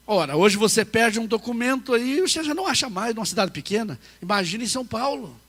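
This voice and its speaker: High-voiced pastor, middle-aged guy, goes from hushed to shouting while telling his story, sharp forceful tone. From southern Brazil. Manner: emphatic, swinging between hushed asides and shouted peaks. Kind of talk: storytelling sermon.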